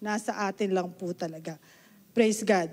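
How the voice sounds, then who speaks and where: A woman's voice: mid-range voice, normal speed, darkish tone. A middle-aged woman from the Philippines preaching a sermon, earnest and emotional, mixing Tagalog and English and often asking "no?". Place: church hall. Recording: long church hall reverb.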